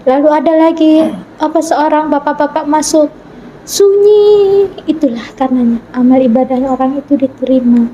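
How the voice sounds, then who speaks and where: A woman earnestly recounting a vision in an interview, acting out the dialogue in it, sometimes halting and restarting. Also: sits high, level tone, mellow, dull audio, slight background noise. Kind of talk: personal testimony in an interview.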